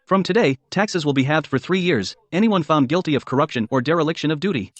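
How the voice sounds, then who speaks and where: A man's voice: fairly high pitch, fast, no room sound, lightly acted. A man playing a formal herald who proclaims decrees in a dubbed period drama, in a declamatory manner. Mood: proclaiming.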